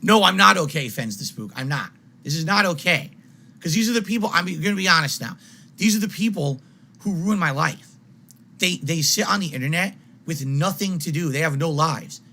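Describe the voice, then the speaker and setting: A man on a live stream in a wild, unhinged rant. His voice is forceful, sharp and somewhat high. He is exasperated and confrontational, hammering points over and over and swearing for emphasis. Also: lively intonation, normal speed. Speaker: video game live streamer.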